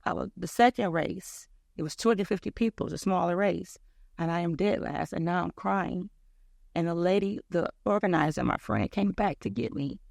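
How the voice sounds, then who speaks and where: A woman sharing her personal story of faith and health as an interview guest, telling it in an animated, faith-filled way. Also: lowish voice, moderate pace, vocal fry, no room sound, clean studio sound. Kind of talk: personal testimony in casual chat.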